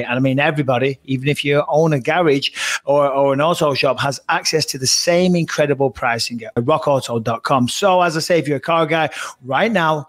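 A man co-hosting a fight podcast, telling stories in an animated, profane way. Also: a little high. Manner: animated storytelling, heavy swearing. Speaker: podcast co-host and fight commentator. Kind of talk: casual podcast chat.

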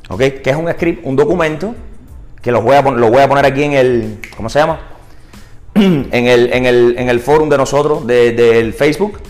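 A man giving a real estate business class to agents, mixing in English words and asking the audience rhetorical questions. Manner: animated, rises high and loud for emphasis, then drops low and quiet; mixes English words into Spanish. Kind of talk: live seminar talk to agents.

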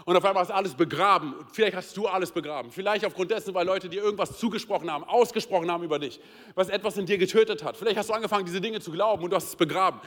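German male pastor, humorous storytelling turning into fervent preaching, slightly high voice, reverberant hall. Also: very fast. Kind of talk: sermon. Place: church hall.

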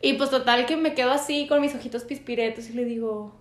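A young woman telling stories in a casual, slangy, animated way as podcast co-host. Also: on the high side, brisk. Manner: animated, slangy, acts out quotes. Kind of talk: casual storytelling chat. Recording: echoey room.

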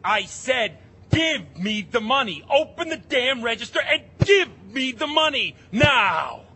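A man's voice: high-pitched, expressive, normal speed, sharp tone, slightly rough, exaggerated voice. An actor playing a callous, childish male robber with a whiny, hot-tempered manner. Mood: angry, petulant.

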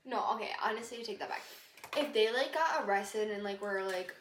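A young woman rambles through a casual podcast chat, her sentences packed with "like" fillers and little giggles. She sits a little back from the microphone in a bright, echoey room. Steady background noise hums under her voice. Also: medium pitch, fairly quick, distant mic. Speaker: podcast co-host.

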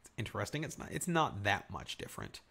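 A man co-hosts a relaxed podcast chat. He is from Michigan, and his voice swings a lot in pitch. He reads aloud and jokes along the way. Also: quick pace, gravelly, breathy edge. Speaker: podcast co-host. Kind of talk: casual chat.

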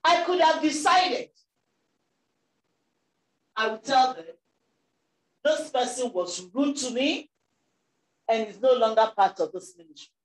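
A woman pastor preaching a sermon with emphatic swings between loud declarations and softer asides. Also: sits high, expressive, slow, long pauses, reverberant, low-quality recording.

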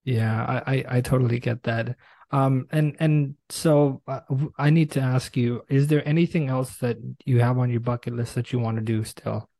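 A man from Brooklyn with an American accent, interviewing on a podcast in an effusive, halting way. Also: medium pitch, steady tone, dark tone, dry recording. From Brooklyn, New York. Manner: effusive, halting delivery with repeated words.

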